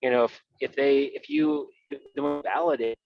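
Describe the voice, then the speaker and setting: A man's voice: mid-range voice, moderate pace, vocal fry, no room sound, highs cut off, soft background music. A man on an online call whose audio keeps breaking up and cutting out, talking casually with lots of fillers and restarts. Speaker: guest on a call-in talk. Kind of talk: casual explaining. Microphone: video call.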